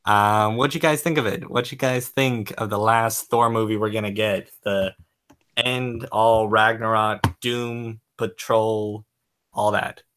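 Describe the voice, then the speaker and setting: A man's voice: on the low side, steady tone, slow pace, a bit bright, clean tone. A young man hosting a casual movie podcast, upbeat and joking with his co-hosts. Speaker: podcast host.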